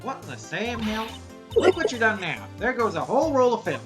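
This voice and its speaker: A woman's voice: a little high, sing-song, a little fast, over music, voice pushed up. Woman putting on a brash Southern-drawl photographer. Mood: feisty. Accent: exaggerated American Southern drawl, put on. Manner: loud, folksy, combative.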